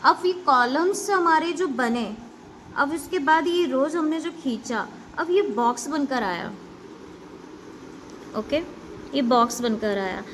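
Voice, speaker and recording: Brief: female schoolteacher, high voice, patient and repetitive, explains basics to kids and keeps checking they follow. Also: lively intonation, slow pace, pauses often, a little hiss or hum. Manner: addresses pupils directly with instructions. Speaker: school computer teacher. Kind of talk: classroom lesson explaining basics to children.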